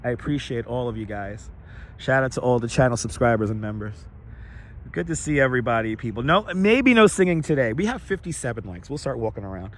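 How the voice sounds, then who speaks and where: A man streams live while strolling through a city park, his raspy, slightly squeaky voice hoarse from overuse yet brisk and expressive. Rambling and repeating phrases, he takes turns greeting viewers. His wireless clip-on lavalier mic records clear outdoor ambience and traffic noise.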